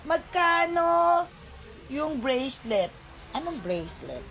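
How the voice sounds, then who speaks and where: Woman live-seller host, high-pitched and unhurried, chatty with viewers, mixes in English. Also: very animated, a bit bright, a little hiss or hum. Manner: chatty, greets viewers by name, calls out item codes and prices; mixes English into her talk. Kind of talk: live-selling stream chat.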